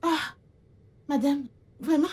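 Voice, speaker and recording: A woman's voice: high voice, steady tone, slow, a little mellow. A woman dubbing a film role: an eager, grateful young village girl hired as a housemaid, deferential to her employer. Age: young adult. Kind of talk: dubbed film acting.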